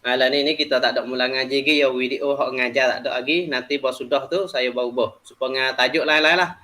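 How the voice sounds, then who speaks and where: A man teaches a class in a loose, repetitive manner. He explains the lesson with many "ha" and "nah" fillers, at a middle pitch. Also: fairly even intonation, fast, pushed and bright.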